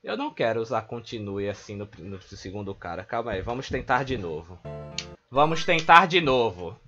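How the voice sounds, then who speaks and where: A man's voice: lowish voice, sing-song, normal speed, sharp tone, muffled recording, soft background music. A man with a Brazilian accent giving casual let's-play commentary over a fighting game. He often sounds frustrated, swears, and mutters "ai, ai" to himself. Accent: Brazilian Portuguese. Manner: frustrated, swears often, repeats "ai, ai" under his breath. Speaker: gameplay commentator.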